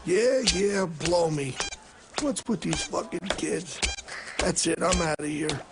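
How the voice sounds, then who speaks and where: A man's voice: on the high side, takes it slowly, music in the background. A man voicing a foul-mouthed, bitter, washed-up male clown who grumbles and curses. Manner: crude, grumbling, cursing. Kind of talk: comedy sketch acting. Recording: noisy recording.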